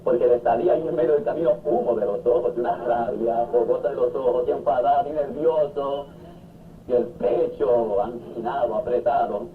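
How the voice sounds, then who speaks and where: A man preaching a sermon, telling the story with drama and jumping high on his exclamations. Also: moderate pace. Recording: tinny lo-fi 1970s recording with faint noise.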